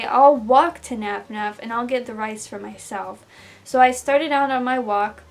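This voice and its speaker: Higher-voiced young woman rambling through a dream. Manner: loose, self-interrupting storytelling. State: sore throat. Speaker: vlogger. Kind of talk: casual rambling dream recounting. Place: small room at home, indoors.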